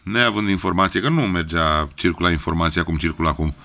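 A man's voice: deep voice, vocal fry, sharp tone. A Romanian man in his fifties, a guest singer chatting casually in an earthy, colloquial way with slangy interjections. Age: 50s. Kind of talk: casual chat.

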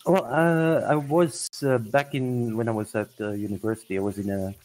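A man's voice: medium pitch, fairly even intonation, moderate pace, a little mellow, rough recording. A man in his forties from Belgium, a guest answering questions in a casual video-call interview, hesitant with many restarts. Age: 40s.

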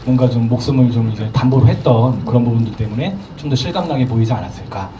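A man's voice: medium pitch, fast talker, background noise. A man moderating a film Q&A, asking long, roundabout questions with many hedges. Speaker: moderator of a screening Q&A. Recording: distant mic in a roomy theater.

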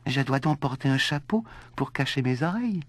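A man voicing a gentle young girl with cat ears in a read-aloud storybook, soft and earnest. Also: medium pitch, expressive, moderate pace, no room sound, pitched above the performer's own voice, lightly acted.

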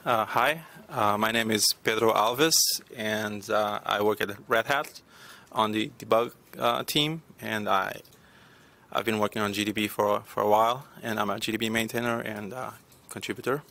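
A man giving a halting self-introduction as a panelist in a lecture room. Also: fairly low pitch, vocal fry, sharp tone.

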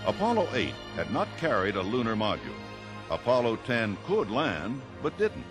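A man giving scripted documentary narration in an even, informative way. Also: medium pitch, normal speed. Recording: narration over clear music.

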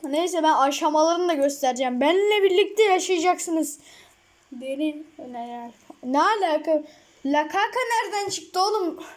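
Excitable high-voiced woman gamer. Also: normal speed. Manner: excitable, rambling, frequent laughs and outbursts. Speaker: mobile gamer. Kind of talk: casual gameplay commentary.

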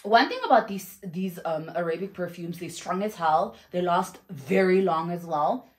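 Speaking at a normal speed in a lowish, animated voice, a young South African vlogger gushes about perfumes to a camera in front of her. She's filming indoors in a home room with shelves, chatting with plenty of exclamations and fillers.

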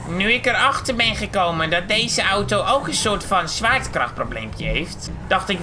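A woman's voice: medium pitch, sharp tone, a little hiss or hum. A woman casually commentating on her gameplay, chatty and playful, speaking to viewers. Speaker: gaming YouTuber. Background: background music.

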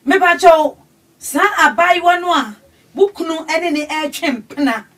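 A middle-aged woman with a Ghanaian accent hosting a call-in advice show in a small radio studio, animated and gesturing as she talks. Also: very high voice, a little slow. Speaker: radio host and counselor. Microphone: studio mic, camera across the room. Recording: distant camera audio in studio.

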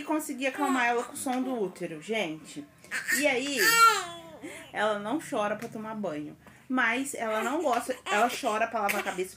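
A woman's voice: fairly high pitch, a bit bright, slight background noise. A young Brazilian woman, a mother, chatting to her viewers in a casual home vlog. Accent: Brazilian Portuguese. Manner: chatty, keeps addressing viewers. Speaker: vlogger and mother.

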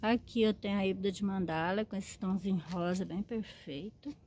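A woman's voice: medium pitch, moderate pace, a little mellow, slight background noise. A woman, a succulent grower and seller, chatting fondly in a show-and-tell vlog and often checking in with her viewers.

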